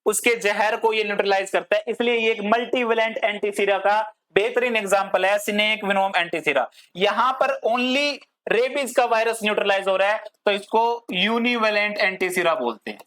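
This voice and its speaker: A woman's voice: medium pitch, normal speed, few pauses, fairly bright tone. Female pharmacy teacher, patient classroom lecture in Hindi and English, asks the class questions and answers them, drawls terms. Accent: Hindi-English code-switching. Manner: drawls long technical terms word by word.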